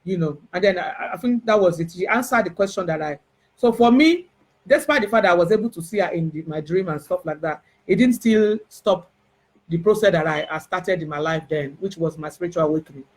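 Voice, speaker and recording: Halting Nigerian woman sharing a testimony. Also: fairly low pitch, slightly rough. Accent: Nigerian, Yoruba. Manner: emotional, halting, many restarts and fillers. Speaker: spiritual herbalist. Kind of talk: personal spiritual testimony.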